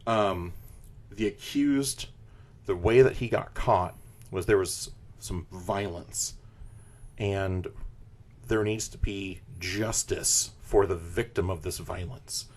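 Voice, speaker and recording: A man hosting a podcast in casual chat, rambling through an idea with lots of "like" fillers. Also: slow. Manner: rambling pitch full of "like" fillers. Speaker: podcast host.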